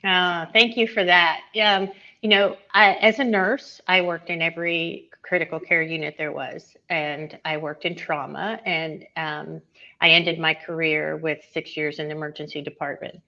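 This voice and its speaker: A woman's voice: sits low, little pitch movement, normal speed, sharp tone, lo-fi sound. A woman, an author and former nurse, telling a personal story as an interview guest, getting emotional and laughing at times.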